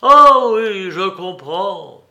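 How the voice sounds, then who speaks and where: A man's voice: high-pitched, big pitch swings, very slow, gravelly, fairly bright tone, dull audio, pitched above the performer's own voice, exaggerated voice. A man voicing a young former lieutenant who cries out, beside himself. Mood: bewildered.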